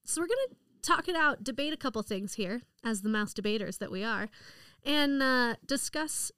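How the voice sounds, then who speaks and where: A woman's voice: a little high, animated, normal speed, fairly bright tone, clear, resonant tone, no echo. A woman co-hosting a podcast, chatting casually with lots of laughter and rambling, enthusiastic explanations. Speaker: podcast co-host. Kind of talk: casual chat.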